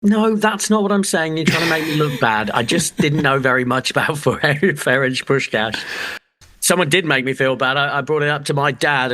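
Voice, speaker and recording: Medium in pitch and a bit bright, this man from England co-hosts a podcast. His casual chat is full of jokes delivered mock-seriously, with some offhand swearing.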